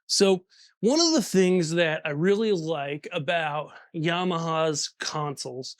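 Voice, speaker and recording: A man presents a casual, hands-on audio gear tutorial, chatty and informal, talking himself through every step. His voice sits on the high side and is animated, and he takes it slowly. It's studio-quality sound with no room sound.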